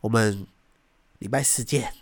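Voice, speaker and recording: A man's voice: fairly low pitch, measured pace, husky, dry recording, clean studio sound. A young man with a Taiwanese Mandarin accent hosting a podcast, telling stories casually, swearing freely and acting out quotes. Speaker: podcast host. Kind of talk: casual storytelling.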